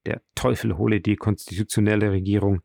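A man's voice: lowish voice, fairly even intonation, brisk, vocal fry, warm tone, no room sound, clean studio sound. A man voicing a nonchalant, ironic young government official in a read-aloud novel. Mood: offhand. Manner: offhand, ironic.

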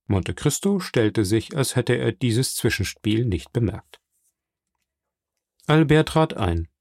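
A man narrating a classic novel as an audiobook reader, steady and unhurried. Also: mid-range voice, no echo, clean studio sound. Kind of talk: scripted narration.

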